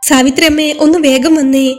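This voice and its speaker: A woman's voice: sits high, flat delivery, normal speed, a little mellow, faint music behind, close to an everyday voice. A woman voicing an older man, a household helper, who is breathless and alarmed as he raises a warning in a storybook reading.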